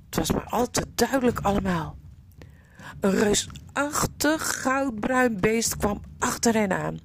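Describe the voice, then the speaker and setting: Expressive woman reading a storybook aloud. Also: fairly high pitch, slow pace, background noise. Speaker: narrator.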